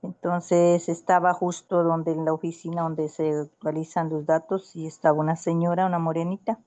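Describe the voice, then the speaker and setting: A woman's voice: on the low side, little pitch movement, moderate pace, mellow. A woman in a casual Bible study conversation, telling a story in an earnest, rambling way with many restarts.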